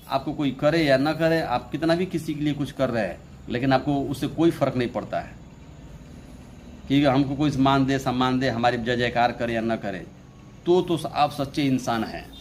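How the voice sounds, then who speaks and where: A young man teaching an English poem in Hindi as an Indian English speaker, talking slowly, repeating his phrases and reading the English lines very slowly. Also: medium pitch, a little hiss or hum. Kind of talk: Hindi poetry lesson explaining a poem.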